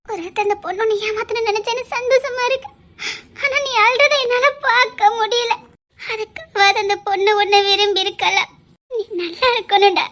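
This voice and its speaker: Woman voicing devoted young woman, Tirunelveli accent, very high voice, insistent and tender. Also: fairly bright tone. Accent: Tirunelveli Tamil. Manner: coaxing, soothing, insistent. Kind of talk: amateur dramatic dialogue.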